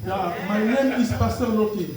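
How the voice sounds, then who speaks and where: A man's voice: high-pitched, unhurried, over music. A church leader joking with a guest preacher, laughing and teasing as he corrects him. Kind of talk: playful banter then welcome. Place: large church hall. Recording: very echoey hall, distant mic, loud congregation.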